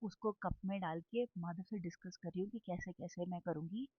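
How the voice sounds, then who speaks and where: A woman's voice: fairly low pitch, moderate pace, slightly rough, lo-fi sound. A young woman chatting casually to her viewers in a home vlog, recorded on a phone, giggly and talkative. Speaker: vlogger. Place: home, kitchen and drawing room. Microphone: phone camera.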